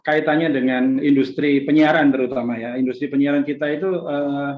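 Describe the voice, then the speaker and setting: A man's voice: a little high, echoey room, poor audio. A man moderating a webinar, asking a long question in a conversational way with hesitant fillers, over a video call.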